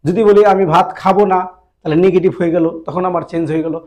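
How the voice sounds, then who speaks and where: Man, high-pitched voice, language teacher, grammar lesson, patient, repeats examples, speaks directly to viewers. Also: fairly even intonation, a little mellow. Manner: patient, repeats each point slowly with pauses; addresses viewers directly, pointing them to the book.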